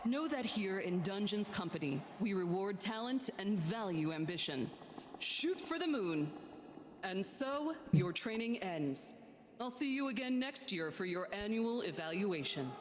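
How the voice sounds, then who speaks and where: A woman's voice: mid-range voice, expressive, unhurried, lightly acted. An actress playing an encouraging female corporate dungeon boss in a video game, speaking in a grand, official speech-like manner. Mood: grand approval. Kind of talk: scripted game dialogue. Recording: long hall reverb, noisy game ambience behind.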